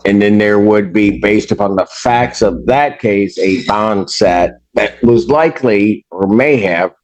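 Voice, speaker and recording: A low-voiced man presides as a judge, heard in a courtroom recording. He talks slowly, halting and restarting his sentences with mounting exasperation. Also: rough recording. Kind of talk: court hearing from the bench.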